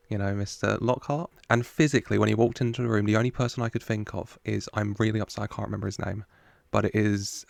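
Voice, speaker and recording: A man's voice: on the low side, creaky, darkish tone, dry recording. A man giving casual film reaction commentary as host, chatty and amused.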